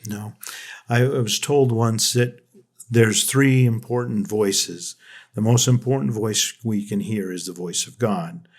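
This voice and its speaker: A man's voice: lowish voice, unhurried. Reflective man musing aloud. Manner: rambling, reflective, frequent restarts. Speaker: podcast host. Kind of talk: casual conversation.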